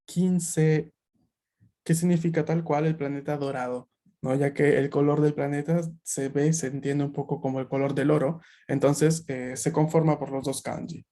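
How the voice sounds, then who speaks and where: Man, language teacher, online class, dark mellow voice, patient explaining. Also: mid-range voice. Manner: explanatory, many filler checks. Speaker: Japanese teacher.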